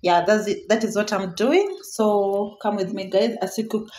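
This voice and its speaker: This casual cooking tutorial is hosted by a woman with a Kenyan accent and a mid-range, somewhat dark voice at normal speed. She chats away, repeating phrases and slipping in Swahili words, in an echoey room with audible background noise and clicks.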